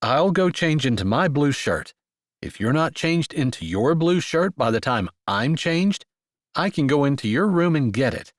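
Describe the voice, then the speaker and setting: A grumpy young rancher voiced by a male narrator who keeps his words low and commanding. His lines come short and clipped. The audiobook sound is dry and close. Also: big pitch swings, moderate pace, dry recording.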